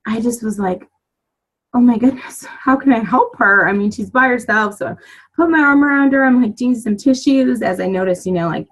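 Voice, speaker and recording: A chatty woman in her thirties tells a personal story to her team, slipping into playful acted-out lines. Her voice is breathy and sits at an ordinary pitch. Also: low-quality recording. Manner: chatty, animated, many fillers and acted asides. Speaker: team leader giving a motivational talk.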